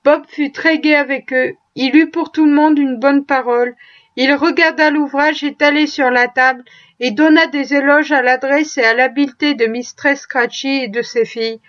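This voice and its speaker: A woman narrating a classic tale as an audiobook, with measured, expressive storytelling. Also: high-pitched, muffled recording.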